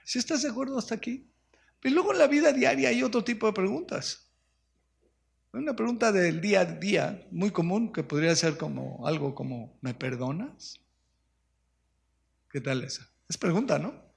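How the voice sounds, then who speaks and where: A man's voice: high voice, a little fast, gravelly. A man preaching a sermon in a church, emphatic and full of rhetorical questions. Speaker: pastor. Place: church sanctuary.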